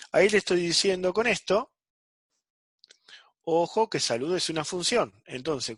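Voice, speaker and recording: A man's voice: on the high side, a bit bright, husky, dry recording. A man teaching a programming class online, checking in with the students after nearly every phrase. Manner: checks understanding with frequent "¿sí?" and "¿está?".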